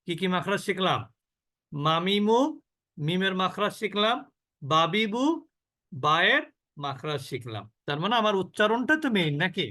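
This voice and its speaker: High-voiced man teaching recitation. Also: expressive, bright, forceful tone. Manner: slow drawn-out demonstrations of sounds, asks the class questions. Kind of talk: online tajweed class.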